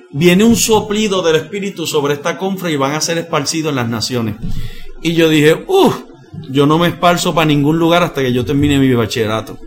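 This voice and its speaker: A man, a missionary pastor who tells his story in a lively, dramatic way and slows down for the lines he quotes. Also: a little high. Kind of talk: animated personal storytelling.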